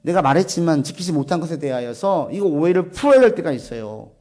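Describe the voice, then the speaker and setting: A male pastor preaching a sermon, asking the congregation questions and answering them himself, dropping to a soft low voice on key points. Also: big pitch swings, quick pace. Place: church sanctuary.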